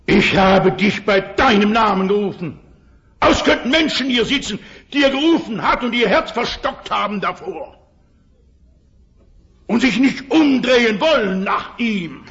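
An older man preaching an Easter sermon to a congregation, earnest, asking the listeners questions and slowing down for scripture. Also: sits high, expressive, fairly bright tone. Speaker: pastor. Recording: dull lo-fi old sermon recording.

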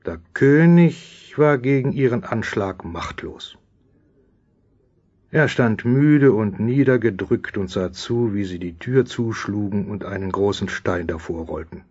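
A loyal courtier telling his story solemnly. His voice is fairly low, with deliberate dramatic phrasing and a slightly muffled sound. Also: expressive, a little mellow, breathy edge. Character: loyal royal courtier recounting events as storyteller. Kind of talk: dramatised scripted narration.

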